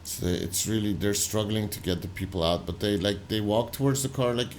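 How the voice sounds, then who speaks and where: A man hosting a reaction video, talking loosely and haltingly over footage he is watching. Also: on the low side, a little hiss or hum. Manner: loose, halting, full of "like" and restarts. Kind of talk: casual commentary over footage.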